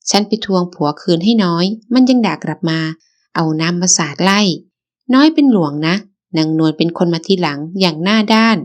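A shrill, spiteful ex-wife who sneers at every word, as a woman reader puts her on. The voice jumps up high and sharp on her jabs. It sits in a calm storybook reading. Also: a little fast, close to an everyday voice. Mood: indignant. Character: shrill spiteful middle-aged scheming ex-wife. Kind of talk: audiobook character reading.

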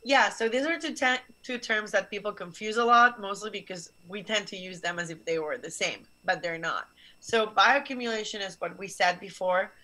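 A young woman originally from Barcelona talks earnestly to students as a guest scientist, gesturing as she explains science over a video call from a small office. Her medium-pitched, sharp-toned voice runs at a normal speed with few pauses, and the webcam recording is rough.

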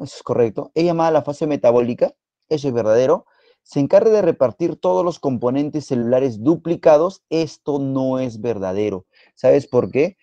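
A man with a Peruvian Spanish accent teaching a live online biology exam-prep class, quizzing students in a playful, teasing way and repeating words rapidly. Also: medium pitch, dark tone, no room sound, muffled recording.

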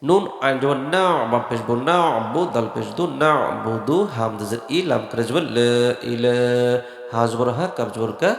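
A man teaching Quran recitation, spelling out each letter and vowel mark and then chanting the words slowly. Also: mid-range voice. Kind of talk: slow spelling-out recitation lesson. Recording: echoey room with long reverb and faint music.

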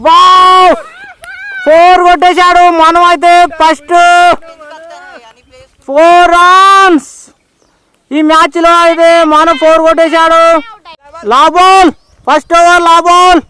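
Very high-pitched Telangana male cricket commentator. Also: fairly even intonation, takes it slowly, pauses often, a crowd in the background, poor audio. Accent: Telangana Telugu. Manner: exclamatory, often repeats calls. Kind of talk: informal ball-by-ball commentary.

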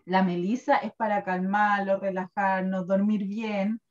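A woman's voice: mid-range voice, unhurried. Chilean woman, 30s, talkative guest with lots of laughs, dull lo-fi sound. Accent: Chilean Spanish. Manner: chatty and animated, laughs often, tells things with feeling. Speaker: guest presenting wellness products. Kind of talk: casual chat. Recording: dull lo-fi recording.

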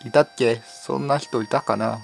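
A hoarse man commentating a game, reading its dialogue aloud with frequent giggles, stumbles and asides. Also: medium pitch, steady tone, normal speed, soft background music. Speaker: game streamer. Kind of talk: playful let's-play commentary reading game text aloud.

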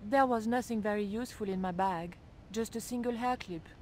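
A woman's voice: medium pitch, fairly quick, darkish tone, a little hiss or hum, natural voice. An actress voicing a poised young woman investigator in a video game, polite and probing. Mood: matter-of-fact.

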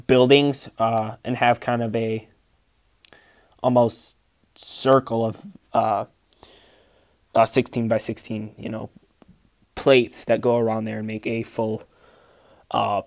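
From behind the camera in an indoor room with a large Lego table, a man who builds Lego cities and hosts a channel gives a casual vlog walkthrough. His mid-pitched voice moves little in pitch, and he speaks slowly, pausing often and rambling with many fillers and restarts. The phone recording sounds dry and close, with no echo.

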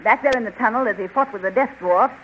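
An actress as a regal witch queen speaks high and haughtily in declamatory radio serial style. The thirties recording is dull, with faint hiss. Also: fast talker, natural voice. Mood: haughty, confessing. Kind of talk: 1930s radio serial acting. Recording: muffled, hissy 1930s radio recording.

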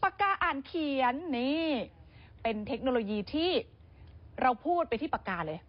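Husky-voiced woman news co-host. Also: sits high, animated, moderate pace, highs cut off. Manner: friendly, demonstrates products. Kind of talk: casual news chat.

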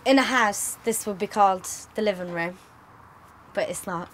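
A woman's voice: medium pitch, moderate pace, slight background noise. A woman of eighteen, a newlywed, chatting casually to camera in a plain-spoken, informal way. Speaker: newlywed bride. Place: outdoors at night and inside a small caravan.

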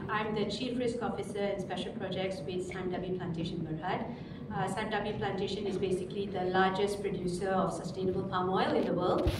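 Hoarse woman in an echoey hall. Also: mid-range voice. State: hoarse from recovering from flu. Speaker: panelist, chief risk officer. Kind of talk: panel self-introduction. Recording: very echoey hall, distant mic, noisy.

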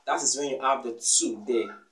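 A man's voice: medium pitch, moderate pace, a bit bright. A man giving a casual English lesson, repeating each correction with emphatic "yes" and "okay" asides. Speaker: English teacher. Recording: echoey room, voice from far off the mic.

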